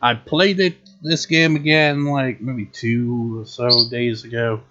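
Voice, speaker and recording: A man's voice: medium pitch, steady tone, slow, a bit bright, highs cut off. A man giving casual, rambling video game commentary in a wry, unenthusiastic manner. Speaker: gameplay video host. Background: game music.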